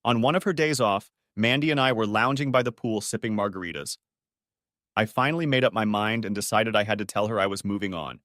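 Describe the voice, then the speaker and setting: A man narrating a first-person family story in a steady, matter-of-fact way on a close mic. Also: on the low side, fairly quick, no echo.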